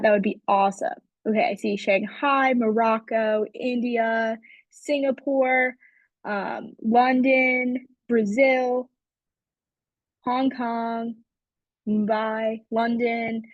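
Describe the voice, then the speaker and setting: A woman's voice: mid-range voice, dry recording, highs cut off. Young woman, webinar moderator, upbeat and welcoming, dry close sound. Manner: upbeat, welcoming, reads out chat replies. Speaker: admissions intern moderating a panel. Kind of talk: online info session hosting. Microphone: video call.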